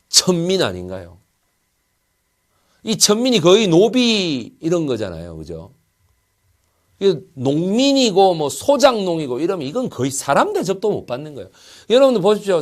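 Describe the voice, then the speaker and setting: Man, 40s, history lecturer, animated rhetorical questions, fairly high voice, very lively intonation. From Busan, South Korea. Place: studio, alone.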